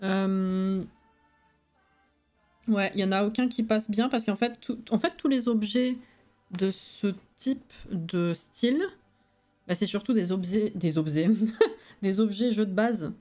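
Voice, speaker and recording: A woman's voice: mid-range voice, slow, pauses often, dark tone. A tired woman with a lisp with slushy s sounds, thinking aloud in casual, colloquial live-stream commentary. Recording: voice over background music. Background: music.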